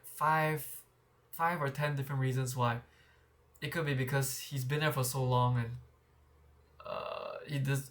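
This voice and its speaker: A young man in his early adult years speaks candidly in a casual vlog, his voice mid-range and slightly bright. He reflects out loud, often restarting and repeating words, and the audio comes from a clip-on shirt mic.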